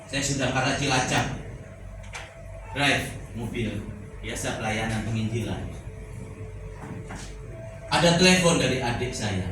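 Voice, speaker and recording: A middle-aged man preaching a sermon, telling his own testimony and swinging between loud proclamations and quiet asides. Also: medium pitch, unhurried, long pauses. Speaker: pastor. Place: church service hall. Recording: echoey hall, distant mic, background noise.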